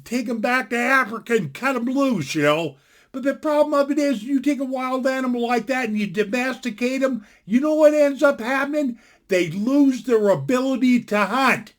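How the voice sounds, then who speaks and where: At a moderate pace, an older vlogger in his sixties airs his opinions to camera from home through a desktop computer microphone. His voice is fairly high, and his delivery is blunt and folksy, wandering off and restarting sentences as he goes.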